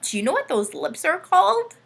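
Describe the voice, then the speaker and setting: This woman's voice is extremely high and gravelly, and she talks fairly quickly. She's a storytime host with a puppet sidekick, reading aloud to children and playfully peppering them with questions in an animated style.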